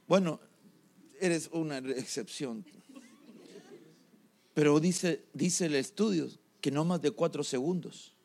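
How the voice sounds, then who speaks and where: A man's voice: on the high side, slow, creaky, pauses often, darkish tone. A man preaching a sermon, telling stories and speaking to the congregation. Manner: storytelling, addresses the congregation. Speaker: pastor.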